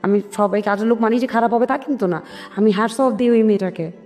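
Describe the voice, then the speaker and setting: This woman, who has a Bangladeshi accent, speaks fast with a fairly high pitch and a darkish tone while describing her life for an interviewer. Emphatic and sincere, she acts out dialogue from memory. Music sits under her voice, and the sound carries a long reverb.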